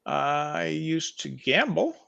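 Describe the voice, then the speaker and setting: A man's voice: fairly high pitch, sing-song, slow, creaky, bright, forceful tone, full character voice. A man reading a hesitant, nervous young man. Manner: hesitant, stumbling. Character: nervous ordinary man confessing a secret.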